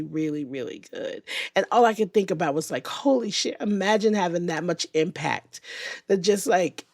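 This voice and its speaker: A woman podcast host chatting casually in a studio, telling stories with animated energy, swearing and laughing often. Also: mid-range voice, no room sound. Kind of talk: casual chat.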